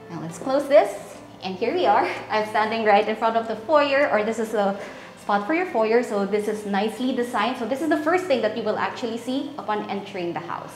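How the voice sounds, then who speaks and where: With soft music in the background, a young Filipina host speaks animatedly and fairly quickly in a fairly high voice. She's touring an empty townhouse for real estate viewers, moving through rooms with an upbeat sales pitch as the bare interior echoes.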